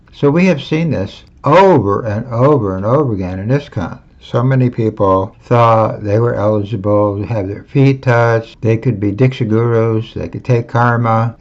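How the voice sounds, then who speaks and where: An older man recounting his own recollections in an emphatic, repetitive way, with wry chuckles. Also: fairly low pitch. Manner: emphatic, repeats points, chuckles wryly. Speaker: former disciple recounting movement history. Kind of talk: personal monologue of recollections. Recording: dull lo-fi recording.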